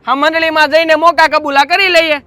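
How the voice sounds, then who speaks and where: A man's voice: very high-pitched, little pitch movement, a little fast, bright, forceful tone, no echo. An actor playing a jobless younger brother who taunts and accuses his elder brother, with a Kathiawadi Gujarati accent. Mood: challenging. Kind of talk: rural family drama acting.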